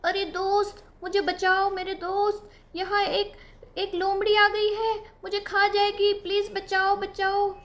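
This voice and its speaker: A woman voicing a playful young lamb who pranks his friends, with high squealing cries and giggles. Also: takes it slowly, hardly any pauses, a bit bright, exaggerated voice. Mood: crying for help.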